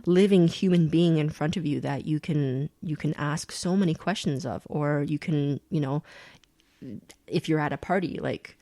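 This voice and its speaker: A young woman born in China and raised in Canada reflects on things as a podcast interview guest, laughing often and restarting her sentences. Her low, mellow voice moves at a moderate pace in clean studio sound with no room noise.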